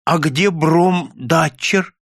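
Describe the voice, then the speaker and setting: A man's voice: a little high, extremely slow, no room sound, clean studio sound, exaggerated voice. A man voicing a bewildered older man in rags, asking questions in a pleading, desperate way. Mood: anxious.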